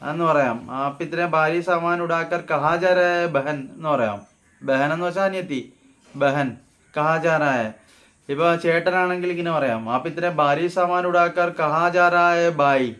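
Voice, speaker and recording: A man teaching everyday phrases, saying each example slowly and then explaining it. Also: fairly high pitch, a bit bright. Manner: slow, deliberate model phrases, then explained in Malayalam. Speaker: Hindi teacher. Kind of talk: casual spoken-Hindi lesson.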